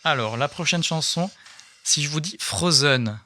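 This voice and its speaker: A man hosting a casual radio talk show in a small studio, speaking with hesitant fillers and slowing down when reading lyrics aloud. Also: on the high side, animated, sharp tone. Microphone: studio microphone.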